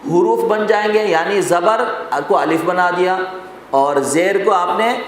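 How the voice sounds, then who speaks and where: In a highly reverberant hall with a faint hiss, a high-voiced man teaches Quran recitation, patiently breaking rules down step by step. He quizzes his students and goes over lists repeatedly in this classroom lesson.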